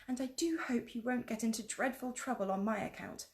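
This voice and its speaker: A woman's voice: a little fast, natural voice. A woman voicing a polite, eager young English girl in a read-aloud story. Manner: high excited girlish voice.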